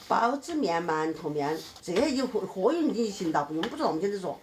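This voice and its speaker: Fast-talking middle-aged Sichuanese woman, noisy. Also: medium pitch, big pitch swings, a little mellow. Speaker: mother-in-law giving kitchen guidance. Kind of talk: casual family chat while cooking.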